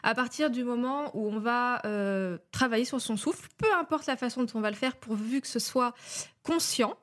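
A woman's voice: a little high, moderate pace. A woman guest, a life coach, explaining at length with many hesitations, a little nervous. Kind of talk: casual interview chat.

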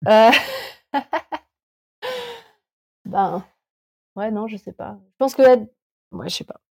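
A woman's voice: medium pitch, takes it slowly, creaky, warm tone, dry recording, clean studio sound. A woman in her thirties, a climber guest on a podcast, chatting casually and hesitantly with many fillers and restarts. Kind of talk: casual interview chat.

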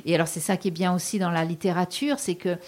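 A woman hosts a radio interview with students. She is lively and encouraging and hesitates often as she talks. Her voice sits at an ordinary pitch. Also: fast talker. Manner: lively, encouraging, many fillers. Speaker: radio host.

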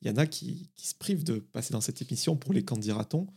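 A man interviewing a guest, asking questions in a relaxed, informal way. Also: mid-range voice, fast talker, vocal fry, breathy edge. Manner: relaxed, informal, hesitant fillers.

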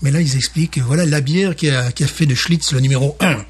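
A man's voice: on the high side, fast, breathy edge. A man with a Parisian French accent chatting casually as co-host of a beer tasting podcast, enthusiastic and often repeating himself.

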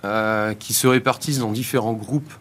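A man giving explanatory answers as an interview guest, measured and articulate, pausing between phrases. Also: lowish voice, fairly even intonation, a bit bright. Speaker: institute director and founder, interview guest.

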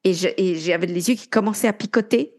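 A woman's voice: mid-range voice, quick pace, darkish tone. A young woman co-hosting a podcast, casually retelling a true-crime story and chatting along with her co-host. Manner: chatty, retells events with quoted dialogue.

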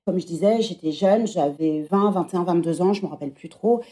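A woman in her thirties, a former teacher appearing as a podcast guest, thinks aloud reflectively during a conversational interview. Her voice sits on the low side, with a brisk delivery and a warm tone.

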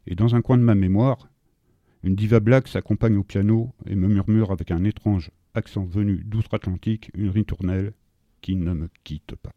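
A man's voice: lowish voice, steady tone, normal speed, no echo, lo-fi sound. A man reading a playful, theatrical radio column into a studio microphone, full of rhetorical questions.

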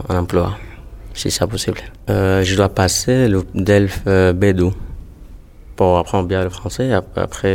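A man from Sudan, a student, speaking carefully with frequent pauses. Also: deep voice, vocal fry, a little mellow, clear, resonant tone. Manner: careful, halting with fillers.

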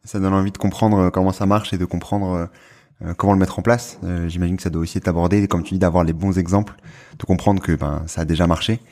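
A man hosting a casual podcast interview, relaxed and friendly, pausing with fillers. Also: sits low. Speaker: podcast host.

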